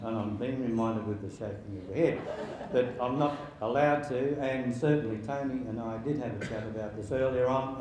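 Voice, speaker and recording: A man in his sixties giving an informal wedding speech as father of the bride, halting and jokey with sentimental touches. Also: mid-range voice. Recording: very echoey room with faint background noise.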